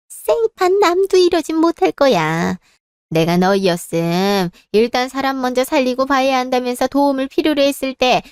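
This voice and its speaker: A high, shrill-edged older mother-in-law who scolds and nags without letup, as a woman reads her part in a dramatized story. She harps on demands in a reproachful tone, and the sound is dry and close, with no room around it. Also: clean tone, no room sound.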